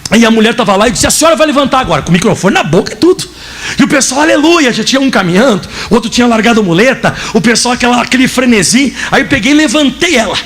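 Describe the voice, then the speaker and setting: A man preaches in a strikingly high voice, racing through his testimony. His pitch leaps up and down as he acts out each exchange, and he shouts at the peaks. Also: fast. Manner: animated storytelling, acting out dialogue. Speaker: pastor. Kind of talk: sermon with personal testimony.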